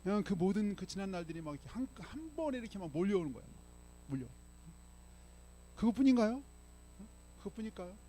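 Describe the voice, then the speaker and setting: A man's voice: sits high, sing-song, quick pace, pauses often, mellow, slight background noise. Older male pastor, chatty storytelling sermon. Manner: conversational storytelling, frequent "예?" to congregation. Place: church sanctuary.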